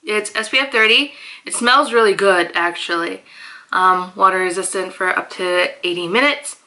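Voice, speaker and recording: A young woman vlogging to her viewers in a chatty, animated way, often laughing. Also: mid-range voice, normal speed, low-quality recording. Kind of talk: casual chat to camera.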